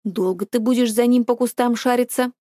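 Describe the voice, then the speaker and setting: A woman's voice: fairly high pitch, steady tone, brisk, dark tone, dry recording, lightly acted. Spiteful teenage brother voiced by a woman, sneering, scornful, storybook reading, close and dry. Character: spiteful, controlling teenage boy, older brother.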